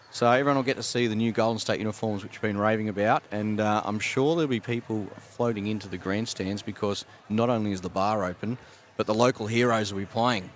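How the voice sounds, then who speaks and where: A man doing relaxed, conversational live commentary on a sports broadcast. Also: on the low side, slight background noise.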